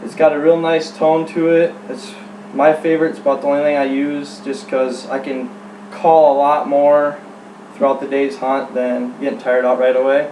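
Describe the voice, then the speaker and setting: A man giving an informal how-to demonstration as a hunting instructor, speaking in a halting, plain-spoken way. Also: mid-range voice, level tone, warm tone. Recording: roomy, distant mic, faint hum.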